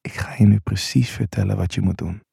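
A man's voice: fairly low pitch, brisk, vocal fry, dark tone, husky, dry recording, studio quality, exaggerated voice. A man voicing a teasing, bossy young woman. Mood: commanding. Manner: playful and commanding.

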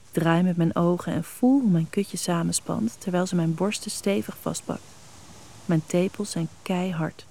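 A woman reading a scripted story in a soft, intimate, unhurried way with a husky voice. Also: fairly low pitch. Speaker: narrator. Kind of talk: scripted erotic story narration.

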